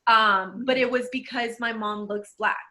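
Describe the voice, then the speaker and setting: Woman from el salvador, casual podcast chat, bright and animated, laughs a lot. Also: fairly high pitch. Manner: animated, laughs often, quick bursts. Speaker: podcast co-host. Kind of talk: casual conversation.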